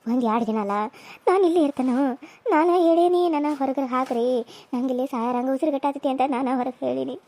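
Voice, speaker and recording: A woman's voice: sits high, fast, warm tone. A woman voicing a frail, dying old village mother, wailing and pleading.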